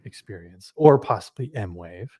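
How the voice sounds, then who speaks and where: Low-voiced man chatting laid-back. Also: expressive, measured pace, darkish tone, husky, no room sound, clean studio sound. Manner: laid-back, brief reactions and interjections. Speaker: podcast co-host. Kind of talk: casual chat.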